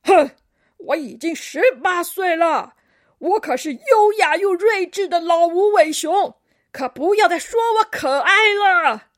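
A woman's voice: very high-pitched, animated, measured pace, pitched above the performer's own voice. A woman voicing a grumpy, proud old male koala who scolds everyone, in a children's storybook. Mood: grumbling.

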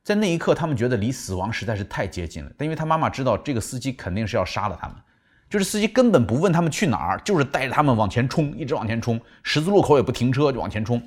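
A man hosting a book summary, retelling the story in an animated way and acting out the quotes. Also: mid-range voice, rapid-fire.

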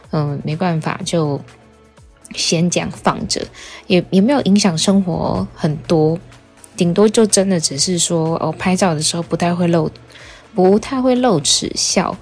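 A young Taiwanese woman hosting a casual, rambling monologue with halting self-corrections, talking with a dental retainer in, so her articulation is slightly wet. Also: deep voice. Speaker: podcast host.

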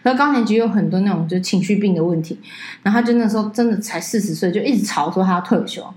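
A woman talks quickly on a casual podcast. She tells stories with lots of energy and acts out the voices of the people she quotes. Her voice sits at a mid pitch and is recorded in a roomy, echoey space. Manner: animated storyteller, acts out quoted voices with big pitch jumps. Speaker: podcast co-host. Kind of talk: casual chat. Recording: echoey room.

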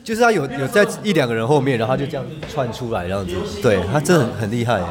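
A man, a podcast guest telling rambling, animated anecdotes with frequent restarts. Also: medium pitch, rapid-fire, a crowd in the background. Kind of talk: casual storytelling chat.

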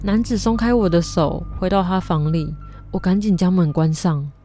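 A woman's voice: fairly low pitch, normal speed, dark tone. A woman narrating a horror story in first person, tense and pleading as she speaks her own part. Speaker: narrator and heroine. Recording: music bed under voice.

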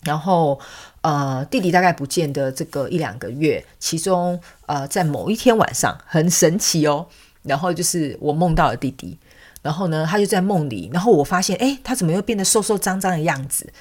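Low-voiced woman telling a story. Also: animated, normal speed, a little mellow. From Taiwan. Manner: chatty, many fillers, laughs often. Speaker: podcast host. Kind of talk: casual storytelling monologue.

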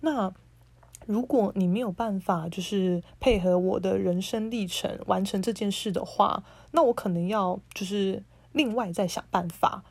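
A man's voice: sits high, moderate pace, gravelly, no echo, pitched below the performer's own voice. A woman voicing her condescending young boyfriend, who lectures in a preachy, self-assured way.

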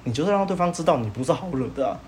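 A young man, hosting a podcast and telling a story in casual chat, animated and laughing as he goes. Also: on the high side, rapid-fire, noisy background. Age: young adult. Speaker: podcast host.

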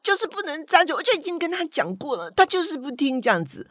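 An older woman with a Taiwanese accent voicing an indignant, tearful little girl of about eight, in a high, whiny protest. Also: sing-song, fast talker, no room sound, clean studio sound. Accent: Taiwanese Mandarin.

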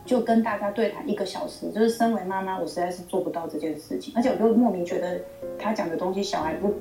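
Woman guest, rapid and rambling, echoey room with music underneath. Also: mid-range voice. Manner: chatty, rambling, lots of fillers. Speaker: student and mother. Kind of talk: casual chat. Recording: roomy echo, music under.

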